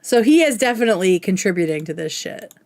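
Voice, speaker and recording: She's a streamer and show host in her thirties, giving loose reaction commentary on clips and dropping plenty of "like" and "right?". The mid-range voice is animated, fast and a little mellow, recorded without echo.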